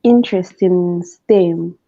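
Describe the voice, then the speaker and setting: A woman from Zambia talks as a guest in a relaxed, friendly way, easing in with small fillers. Her voice is mellow and warm at a middle pitch. The video call sound is dull and lo-fi. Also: slow pace. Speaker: guest, water engineer. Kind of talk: casual online interview.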